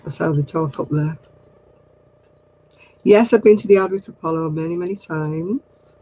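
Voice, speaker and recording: The audio is poor, but the voice is lowish and a little mellow. It belongs to an older livestream host from Royton, Oldham, England, with a mixed Oldham and Manchester accent, who answers live comments in a homely, rambling style and chuckles often.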